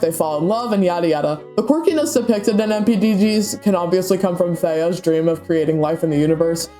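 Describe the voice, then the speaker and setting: Stuffy-nosed male commentator, high but mellow voice, dry sarcastic rant, faint music underneath. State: stuffy from a cold. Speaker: YouTube commentator.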